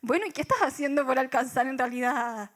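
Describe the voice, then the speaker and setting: Young chilean woman giving a sermon, high voice, reflective, lots of rhetorical questions and ums. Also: a little fast. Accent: Chilean Spanish. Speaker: church speaker.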